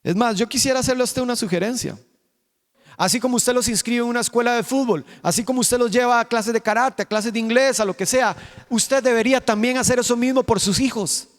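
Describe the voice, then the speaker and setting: Male pastor, high voice, emphatic sermon with rhetorical questions, long reverb of a church hall. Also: a little fast. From Costa Rica. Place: church sanctuary.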